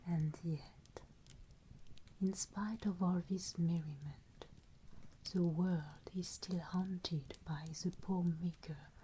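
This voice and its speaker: A woman playing a solemn, compassionate ghost in a whispered ASMR storybook roleplay, grave and deliberate. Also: on the low side, mellow, rough recording. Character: solemn, compassionate female Ghost of Christmas Present.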